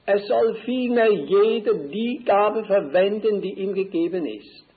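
An older man preaching a sermon slowly and deliberately, repeating key phrases for emphasis. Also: high-pitched, lively intonation. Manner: slow, deliberate, emphatic repetition. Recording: tinny phone-like old recording.

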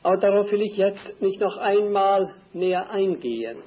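An older man preaching a sermon slowly and deliberately, repeating key phrases for emphasis. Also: high voice, expressive. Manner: slow, deliberate, emphatic repetition. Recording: tinny phone-like old recording.

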